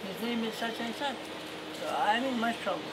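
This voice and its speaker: Terse man over loud background noise. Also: very high voice, expressive, normal speed. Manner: terse, emphatic, non-native phrasing. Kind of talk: interview answers.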